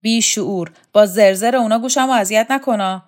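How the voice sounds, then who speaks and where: A woman reading an audiobook, voicing a harsh, bossy woman who scolds and insults loudly. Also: close to an everyday voice. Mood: contemptuous. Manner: shrill, loud, insulting.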